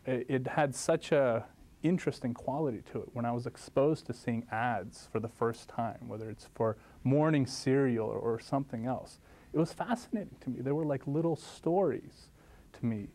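Brief: man from Lithuania, thirties, studio interview guest, warm mellow tone, animated telling. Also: moderate pace. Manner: animated storytelling, lively pitch jumps. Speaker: guest professor. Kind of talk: interview answers. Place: studio set, seated. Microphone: lapel mic.

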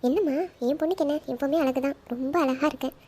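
A woman's voice: sits high, fairly even intonation, quick pace, mellow, close to an everyday voice. A woman voicing a loving middle-aged mother in a cartoon, soothing and motherly.

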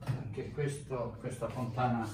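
A man's voice: mid-range voice, fairly even intonation, measured pace, background noise. Older man in a roomy, echoing space. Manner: jovial, teasing, repeats words. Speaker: painter showing a visitor round the studio. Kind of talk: casual chat. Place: small cluttered art studio, indoors. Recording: roomy, echoing indoor studio sound.

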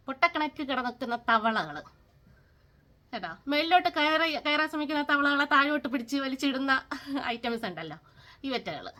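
A woman vents in a personal vlog, scolding and sarcastic. Her voice sits high and sounds bright and sharp. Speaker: vlogger. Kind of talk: angry personal vlog rant.

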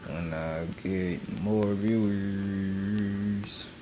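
Speaking very slowly in a low, steady voice, a teenage boy who runs a gaming channel gives filler-heavy, casual commentary on a mobile game. It's captured on a phone screen recorder at home, with background noise and a train passing outside.

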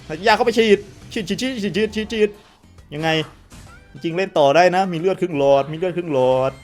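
A man with a slight cold giving excitable gameplay commentary to viewers, often exclaiming and repeating words. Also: on the high side. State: has a cold, voice sounds odd. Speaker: game streamer.

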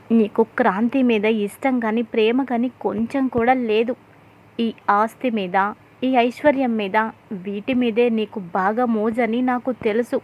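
A woman voicing a sharp-tongued woman taunting a scheming relative. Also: a little high, close to an everyday voice. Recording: tinny phone-like sound.

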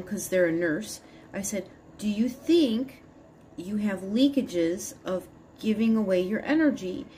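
A woman in her fifties speaking casually into a phone held at arm's length in a small room at home. Her pitch is an ordinary middle height, and she rambles earnestly, restarting her thoughts as she explains. Faint room noise hums behind her. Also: a little mellow. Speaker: spiritual advisor. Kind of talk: casual spiritual monologue to camera. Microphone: phone camera at arm's length.

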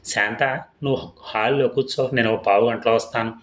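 A man's voice: medium pitch, fairly even intonation, normal speed, lightly acted. A man voicing an awkward, evasive middle-aged father with a coaxing manner.

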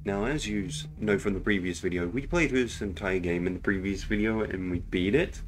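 A man hosting a casual horror game playthrough, thinking out loud and exclaiming at scares. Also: fairly low pitch, a little fast, soft background music. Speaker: gaming video host.

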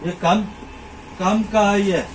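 High-voiced middle-aged man showing shop gear. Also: steady tone, slow, slight background noise, rough recording. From India. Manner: repetitive, points things out to the viewer. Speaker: fishing shop owner. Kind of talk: casual product demonstration. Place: small cluttered shop, indoors.

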